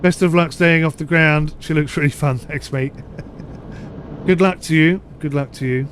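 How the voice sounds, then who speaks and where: A man talks through a ship simulator on a live stream in a loose, chatty way, poking fun at himself and answering his chat. His voice sits a little on the high side for a man. A faint steady hum runs under the recording. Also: a little fast. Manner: chatty, self-deprecating, answers chat comments aloud. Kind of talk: casual live-stream commentary.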